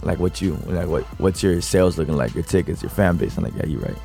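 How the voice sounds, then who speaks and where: A man's voice: sits low, fast talker, creaky, dark tone, faint music behind. A young man from Puerto Rico, a musician guest chatting casually and laughing as he tells his story. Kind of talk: casual chat.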